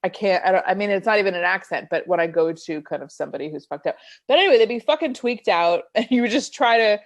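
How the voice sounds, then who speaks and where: Animated, swearing New York woman. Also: mid-range voice, quick pace. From United States. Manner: animated, swearing, laughs often, puts on voices for quotes. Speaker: podcast co-host. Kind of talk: casual chat.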